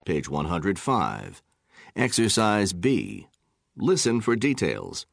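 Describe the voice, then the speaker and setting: Deep, slow male instructional narrator. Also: wildly swooping pitch, creaky, no room sound, studio quality. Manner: deliberate, instructional. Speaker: textbook audio narrator.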